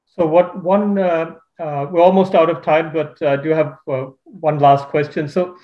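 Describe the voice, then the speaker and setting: A man hosting an interview over a video call, asking long questions with many pauses and restarts. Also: a little high, steady tone, muffled recording. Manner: hesitant, many fillers and restarts. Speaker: interviewer host.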